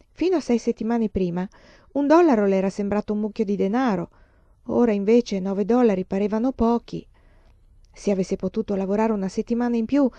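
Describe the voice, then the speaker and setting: Woman reading a story aloud, calm and even, mellow voice, dry slightly dull sound. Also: medium pitch, no echo. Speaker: reader. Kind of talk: audiobook reading.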